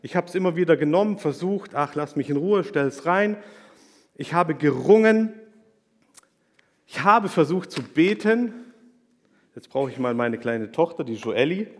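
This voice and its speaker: A man giving an emotional church testimony into a handheld microphone, confessional and earnest, dropping to a hush and then rising loud. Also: a little high, animated, a little slow, long pauses. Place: church hall. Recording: long church hall reverb.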